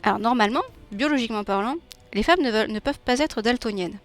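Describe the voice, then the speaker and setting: A woman's voice: on the high side, fast, dry recording, soft background music. Chatty woman with a southern French accent. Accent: southern French, from Nîmes. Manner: chatty, warm, laughs often, reads chat aloud. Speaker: streamer and illustrator. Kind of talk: casual live-stream chat while drawing.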